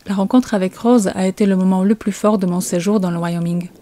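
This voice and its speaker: A woman's voice: mid-range voice, steady tone, fairly quick, warm tone, a little hiss or hum. A woman, telling a suspenseful first-person story as a comic author. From Poland.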